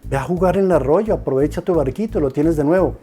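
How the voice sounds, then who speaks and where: A man voicing a patient, gentle father who calmly reasons with his small son. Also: a little high, fast, faint music behind, close to an everyday voice. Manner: calm, reasoning.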